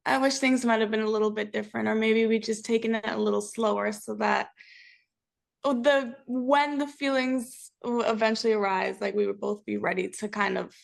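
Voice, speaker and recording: A young woman speaks as a guest in a casual interview. Her voice sits a bit high and has plenty of vocal fry. She talks in a candid, reflective, conversational way. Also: steady tone, moderate pace. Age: young adult. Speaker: interview guest, reality TV cast member.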